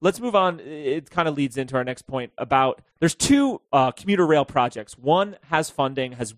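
A man's voice: fairly high pitch, lively intonation, normal speed, dry recording. A man co-hosting a podcast in a casual chat, opinionated and rambling, often laughing as he talks. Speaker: podcast co-host.

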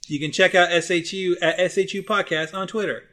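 A man with a fairly high, bright, forceful voice, co-hosting a loose group podcast. He talks in a jokey, playful way, riffing with friends and tossing in plugs. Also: fairly even intonation, fairly quick. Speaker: podcast co-host. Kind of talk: casual group chat, joking.

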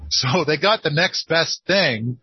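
A man's voice: on the high side, expressive, slow, husky, dry recording. A man with a northeastern Oregon accent hosting a casual podcast consultation, rambling and self-deprecating with many restarts. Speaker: podcast host and permaculture consultant. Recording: dull lo-fi dry sound.

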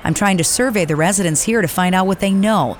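A woman's voice: mid-range voice, quick pace, a little hiss or hum, lightly acted. A woman playing an earnest field reporter in a mock news radio drama.

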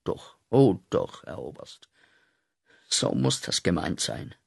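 A man acting a guilt-ridden corporal back from the war, in a radio play, speaking with slow, intense, declaiming rhythm. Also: low voice, sing-song, creaky, slightly rough, no room sound, clean studio sound, full character voice. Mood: weary pleading.

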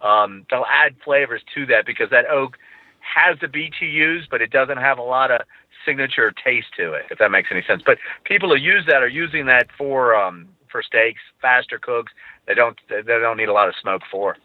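A man's voice: mid-range voice, moderate pace, no echo. A man talking as a podcast guest, explaining at length and often restarting his sentences with repeated words. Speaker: charcoal company representative. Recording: tinny phone-line sound, dry.

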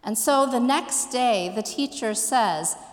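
A woman's voice: on the high side, expressive. Woman pastor preaching in an echoey hall. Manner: slow, reflective, posing questions. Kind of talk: sermon.

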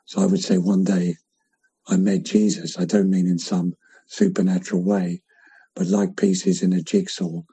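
A middle-aged man with a hoarse, croaky voice and creaky vocal fry, giving reflective testimony as a podcast guest. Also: sits low, warm tone, poor audio. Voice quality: croaky, gravelly, husky voice.

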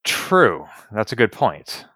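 Man, podcast co-host, casual chat, opinionated, deep-ish voice. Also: huge pitch swings, slow pace, bright, forceful tone, no echo, studio quality. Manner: opinionated, analytical.

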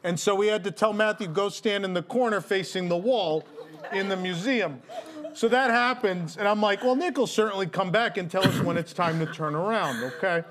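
A man's voice: sits high, moderate pace, fairly bright tone. A man hosting a live show with casual, joking stage banter and storytelling. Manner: joking, chatty. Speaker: show host.

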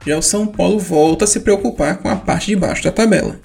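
Gravelly Brazilian man narrating football round-up. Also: high-pitched, fast, music in the background. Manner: colloquial, emphatic, playful slang. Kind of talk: informal scripted sports narration.

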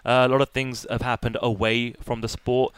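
A man's voice: medium pitch, little pitch movement, normal speed, a bit bright, clean tone, no echo. A man guesting on a fight podcast, talking in an easygoing way with plenty of ums. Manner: easygoing, many filler ums. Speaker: podcast guest, MMA journalist. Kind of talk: casual post-fight recap chat.

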